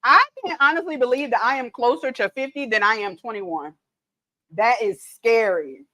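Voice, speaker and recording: At a moderate pace and with a sharp tone, a drawling cooking livestream host in her late thirties chats casually. She's a bit tipsy on mimosas, and her voice is pitched a little high as she laughs easily and reads out comments from viewers.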